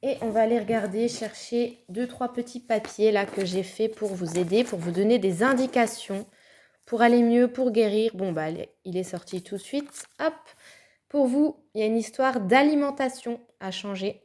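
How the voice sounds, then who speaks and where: A woman's voice: a little high, moderate pace, a little mellow. A woman giving a casual, chatty tarot card reading, thinking aloud with fillers and little laughs. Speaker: tarot reader.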